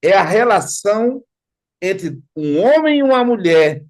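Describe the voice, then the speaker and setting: A man's voice: sits high, sing-song, measured pace. An earnest young college girl eagerly answers her professor's questions in a slightly raised voice, as a man acts her out. The voice stays close to his own.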